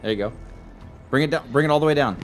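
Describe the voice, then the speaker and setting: A man's voice: medium pitch, quick pace, soft background music. A man in a casual online game chat, coaxing and encouraging a child to speak. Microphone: video call.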